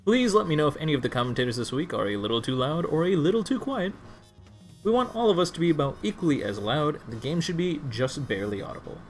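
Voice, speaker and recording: A man hosting a fighting game stream, chatting casually and teasing his co-host in a relaxed way. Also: on the high side, fast talker, faint music behind. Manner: relaxed, teasing, laughs easily.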